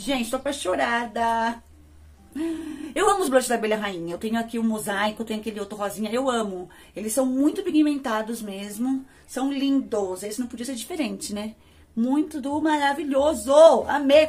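Talking straight to her audience, this Brazilian woman reviews makeup in a relaxed, warm manner, calling viewers "amores" and "gente." Her fairly high voice has a slightly rough edge and a Brazilian Portuguese accent, fitting her role as a beauty vlogger.

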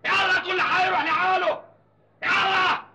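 A man's voice: on the high side, sing-song, very fast, bright, forceful tone, exaggerated voice, poor audio. A commanding old Egyptian strongman father. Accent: Egyptian Arabic. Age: older. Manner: hearty, commanding.

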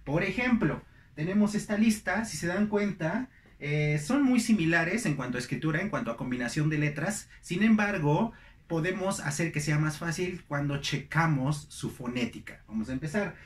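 A man's voice: fairly high pitch, animated, moderate pace, echoey room. A young man teaching English pronunciation, repeating each word several times with stress. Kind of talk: slow, deliberate pronunciation lesson.

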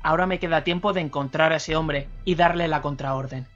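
Man doing remorseful ex-convict, calm, measured, earnest, dull radio sound, faint music. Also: fairly high pitch, natural voice.

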